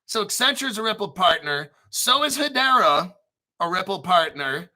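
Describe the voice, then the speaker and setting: A crypto video host with a high voice speaks at a normal speed in an informal commentary on articles. He comes across as excitable and sarcastic, swears, and clears his throat again and again.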